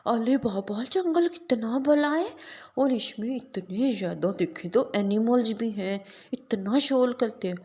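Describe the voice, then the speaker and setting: A woman's voice: on the high side, animated, unhurried, darkish tone. A woman voicing a stubborn little doll girl who pleads in a whiny manner. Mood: excited.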